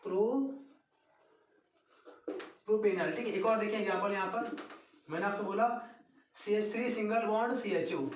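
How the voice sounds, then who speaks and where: A man teaching a chemistry lesson to a class. He repeats formulas slowly and keeps asking the class questions, then answers them himself. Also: high voice, slight background noise. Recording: echoey room.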